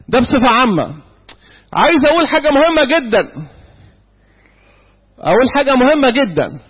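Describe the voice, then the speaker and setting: A man in his sixties with an Egyptian accent, lecturing young people at church, repeating key points and quizzing his listeners. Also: sits high. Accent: Egyptian Arabic. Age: 60s. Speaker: church youth speaker. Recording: tinny phone-like audio in a reverberant hall.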